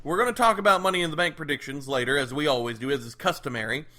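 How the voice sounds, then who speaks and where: A man hosting a casual wrestling podcast, upbeat and jokey with quick asides. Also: a little high, pushed and bright. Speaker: podcast host and critic.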